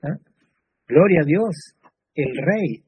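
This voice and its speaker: A man's voice: fairly high pitch, expressive, slow pace, darkish tone, husky, rough recording. A man with a Chilean Spanish accent preaching a sermon in a conversational way, with fillers and tag questions.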